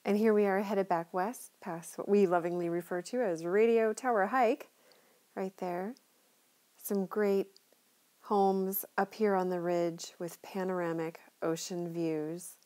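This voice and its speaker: A woman's voice: mid-range voice, fairly even intonation, unhurried, mellow. A middle-aged woman chatting enthusiastically as she narrates a tour of her neighborhood from inside a moving car. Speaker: local real estate tour guide.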